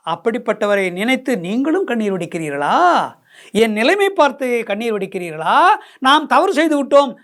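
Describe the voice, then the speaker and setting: Lady doing a heartbroken young wife, high voice, blaming her own eyes over and over. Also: close to an everyday voice. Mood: lamenting. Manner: reproachful, lamenting, repeating herself. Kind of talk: dramatized poetry explanation.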